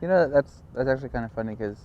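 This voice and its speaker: A man from California hosting a casual interview, talking haltingly with many fillers and restarts. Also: mid-range voice, lively intonation, narrow, tinny audio, slight background noise. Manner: halting, restarts, heavy "you know" fillers. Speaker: host, interviewer.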